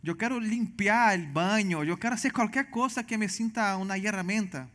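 A man from Venezuela, with a Brazilian Portuguese accent and a high, fairly bright voice, gives his testimony as a missionary guest in a church interview. He speaks earnestly but halts and restarts a lot.

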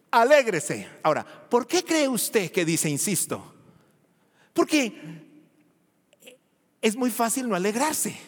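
A man preaches a sermon, his voice pitched high for a man and swinging widely as he speaks. He keeps turning to the congregation with questions. The sound carries the long reverb of a big hall. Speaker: pastor.

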